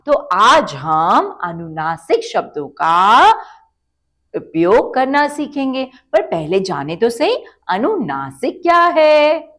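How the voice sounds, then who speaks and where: A woman teaching a Hindi lesson to children, drawing out words in a sing-song way and asking them to repeat after her. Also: medium pitch. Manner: slow, drawn-out sing-song teaching with call-and-response.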